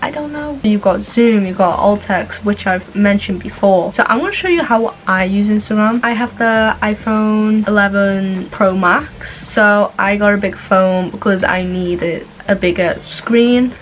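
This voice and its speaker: A woman's voice: mid-range voice, a little slow, hardly any pauses, a little hiss or hum. A young woman giving a casual tutorial in an informal, chatty way, with asides. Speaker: vlogger. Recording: music playing behind the voice. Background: background music.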